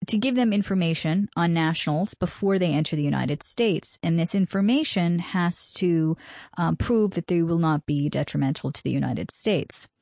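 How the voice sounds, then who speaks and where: Lowish teasing woman co-host. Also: normal speed, darkish tone, no room sound, studio quality. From Massachusetts. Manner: laughs often, teasing, frequent ums. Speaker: podcast co-host. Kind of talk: casual legal and policy discussion.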